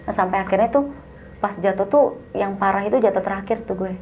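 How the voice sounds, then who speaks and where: Young woman, animated storyteller. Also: medium pitch, quick pace, lo-fi sound, slight background noise. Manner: animated, acts out the dialogue. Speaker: guest storyteller. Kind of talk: casual storytelling.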